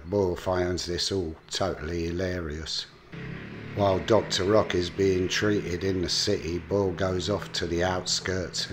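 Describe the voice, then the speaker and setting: Deep-voiced man recapping a film. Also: slight background noise. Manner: relaxed, rambling with fillers. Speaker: film reviewer. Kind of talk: casual film recap storytelling.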